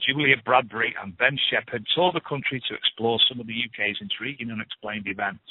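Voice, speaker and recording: A man's voice: mid-range voice, fairly quick, slightly rough. A man hosting a radio show, reading paranormal news with chatty, scoffing asides. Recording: phone-like lo-fi radio, dry.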